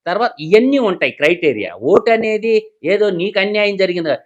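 Male political analyst, high voice, combative, fires off rhetorical questions. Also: lively intonation, a little fast, highs cut off. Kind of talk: heated political commentary.

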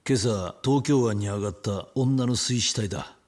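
A man's voice: fairly low pitch, normal speed, a little mellow, natural voice. A man playing a grim middle-aged police detective in a video game, terse, serious and matter-of-fact. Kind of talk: dramatic video game acting.

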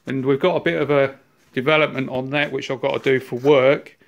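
A workshop owner in his fifties with a New Zealand accent gives a casual tour of his large, cluttered workshop while filming on a handheld phone. He speaks fairly quickly in a mid-range, gravelly voice that stays fairly flat and even, rambling relaxedly with plenty of fillers. The highs in the audio are cut off.

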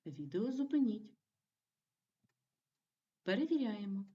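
Lively woman teacher, mellow voice. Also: mid-range voice, slow pace, far from the mic. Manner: clear, encouraging classroom delivery. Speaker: primary school teacher. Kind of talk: video lesson for children.

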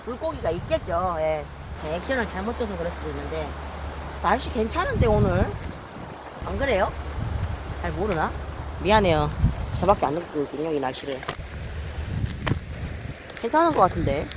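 A man vlogging while he fishes outdoors. He mutters apologies to the viewers, then breaks into loud, frustrated outbursts. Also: sits high, big pitch swings, moderate pace, pauses often. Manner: self-mocking, swings between mumbled apologies and loud frustrated outbursts. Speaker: fishing vlogger. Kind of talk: casual solo vlog narration. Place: outdoors by the water. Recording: noisy outdoor recording.

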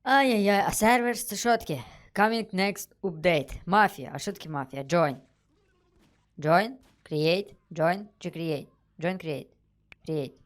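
A man giving excitable, chatty commentary while he plays a video game and thinks aloud. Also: fairly high pitch, smooth. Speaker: gaming streamer. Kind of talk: casual gameplay commentary.

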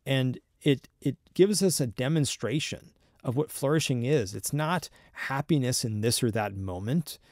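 A young adult man, a podcast guest, explaining ideas earnestly and in a measured way, with frequent restarts. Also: mid-range voice, no room sound, clean studio sound. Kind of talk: thoughtful conversational explanation.

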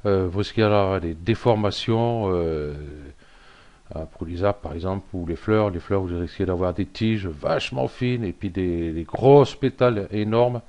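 A man giving a casual software tutorial, thinking aloud with lots of fillers and little self-deprecating asides. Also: low-pitched, a little slow. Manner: rambling, thinks aloud with many fillers and "hop". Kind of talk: casual screen-recorded tutorial.

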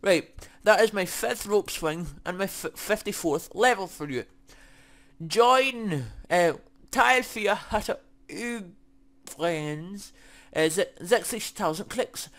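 A man giving excitable, sweary commentary while playing a game, muttering to himself as he goes. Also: high-pitched, takes it slowly. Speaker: gaming YouTuber. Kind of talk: casual let's-play commentary.

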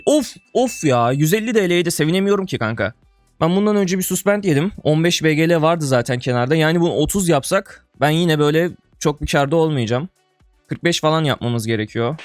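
A man's voice: on the high side, no room sound. Exasperated young man streaming a game. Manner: exasperated, groaning and swearing under breath; addresses viewers as brother and buddy. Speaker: gaming streamer. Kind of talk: casual game commentary.

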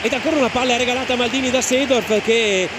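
A man's voice: very high-pitched, steady tone, quick pace. An Italian man working as co-commentator, analysing the play of a football match. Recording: clear stadium noise behind. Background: stadium ambience.

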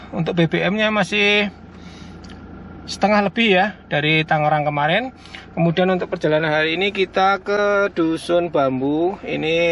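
A fairly high-voiced man talks through a road trip from behind the wheel, chatty and easygoing with his viewers. The sound is a little muffled, with a faint hum of the car underneath. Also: a bit bright. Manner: chatty, keeps addressing viewers as colleagues. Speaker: car vlogger driving. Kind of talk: casual driving commentary. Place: inside a moving car.

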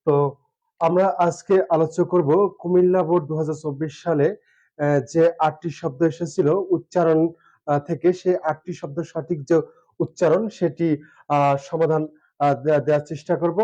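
A man with a Bangladeshi Bengali accent teaches pronunciation in an online class. His voice sits high and mellow, and he pauses on filler sounds and drags out syllables to show them. The recording is dull and lo-fi. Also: steady tone. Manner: hesitant, many filler sounds, repeats and spells out syllables.

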